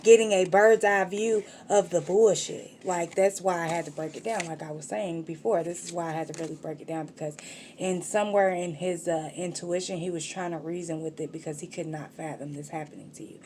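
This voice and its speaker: A woman's voice: on the low side, steady tone, brisk, a little mellow, a little hiss or hum. A woman giving a casual tarot reading, talking straight to the viewer in slangy, profane street talk. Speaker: tarot reader.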